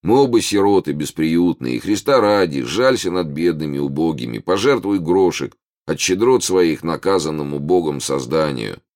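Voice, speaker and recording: A man's voice: extremely low pitch, normal speed. A man voicing a cunning teenage beggar boy who mocks and bosses his companion, in an audiobook. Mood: scheming. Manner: sneering, lively, bossy. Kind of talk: audiobook character voice.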